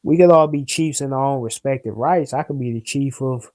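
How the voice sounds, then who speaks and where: A man's voice: medium pitch, fairly quick, darkish tone, dry recording, poor audio. A young man in a casual talk, earnest and preachy, rambling a little and using plenty of slang. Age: young adult. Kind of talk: casual discussion.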